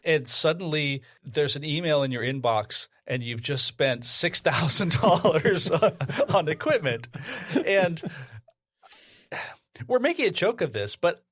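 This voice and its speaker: A man's voice: a little high, expressive, a little slow, a bit bright, no echo. Guy cohosting a podcast, jokey and self-mocking, dry close sound. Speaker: podcast co-host. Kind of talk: casual chat.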